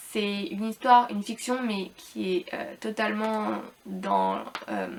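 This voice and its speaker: A woman giving a casual, rambling book review to viewers, hesitant and repetitive, with informal slangy wording and slightly robotic, unclear speech because she is ill. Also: medium pitch. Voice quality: slightly robotic, hard-to-understand speech from illness.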